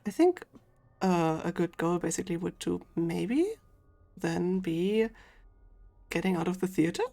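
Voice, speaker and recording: A woman's voice: lowish voice, vocal fry, mellow. Chatty laughing woman running a game. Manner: laughs often, quick and chatty. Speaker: game master. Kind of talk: running a tabletop game on stream.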